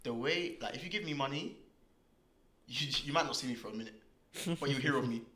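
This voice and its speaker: A young man talks at a rapid clip in a London roadman accent. His speech is casual and thick with street slang, with a boastful streak as he banters like a podcast co-host. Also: medium pitch, pushed and bright. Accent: London, urban slang-heavy roadman. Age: young adult.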